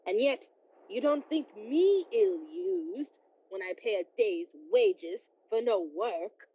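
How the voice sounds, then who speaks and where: A woman playing a grumpy, skeptical old male miser in a radio play, with a halting, curmudgeonly delivery. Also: medium pitch, lively intonation, husky, dull audio. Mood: grudging, irritable. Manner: slow, halting, curmudgeonly, with hesitations.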